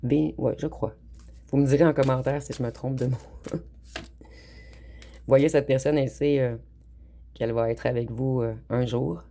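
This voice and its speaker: A woman giving a calm, unhurried tarot card reading, speaking directly to her viewers. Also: very deep voice, slight background noise. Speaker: tarot reader.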